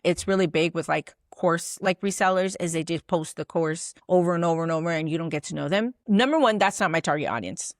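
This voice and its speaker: A woman's voice: lowish voice, no echo, studio quality. A woman business coach teaching to camera in a casual, chatty way, often filling her talk with "like.". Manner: chatty, loose, fills with "like"; acts out sample messages.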